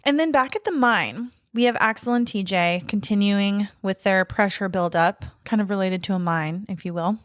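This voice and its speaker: A woman's voice: medium pitch, normal speed, hardly any pauses, dry recording, studio quality. A young woman co-hosting a podcast, casually recapping a horror film and laughing often. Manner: chatty, laughs often, slips into playful character voices. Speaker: podcast co-host.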